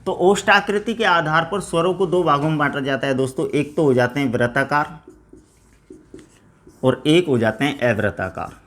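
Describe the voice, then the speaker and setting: A man's voice: fairly high pitch, normal speed, fairly bright tone. Man teaching, answering his own questions. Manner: asks rhetorical questions and answers them himself; keeps calling the students friends. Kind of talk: exam-prep Hindi grammar lecture.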